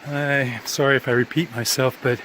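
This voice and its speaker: A man tired from a long hike films a handheld vlog outdoors on a mountain trail, talking through his casual trail diary in a rambling, plain way. His voice is medium-pitched, a bit bright and fairly even at normal speed, with faint hiss behind it.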